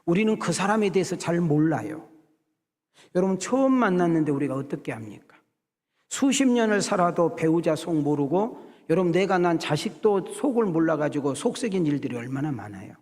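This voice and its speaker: A man's voice: a little high, animated, brisk, darkish tone, in a large hall. A middle-aged South Korean pastor preaching a sermon to his congregation, often calling out to them and building to emphatic passages. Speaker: senior pastor. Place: church sanctuary.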